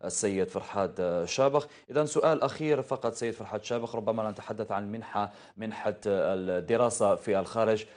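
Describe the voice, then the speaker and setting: A man interviewing a guest on a TV news channel, asking hesitant questions padded with fillers and giving frequent short acknowledgements. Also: lowish voice. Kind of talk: TV studio interview.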